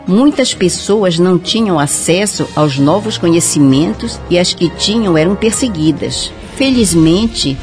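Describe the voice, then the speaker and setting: A woman playing a kindly old grandmother who tells scripted stories to children, with drawn-out singsong phrase endings. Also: on the low side, a little mellow.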